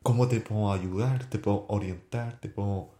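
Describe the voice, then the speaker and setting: A man telling a personal faith testimony on his podcast, earnest and halting, with frequent restarts. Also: fairly low pitch, fairly even intonation, warm tone, reverberant. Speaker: podcast host.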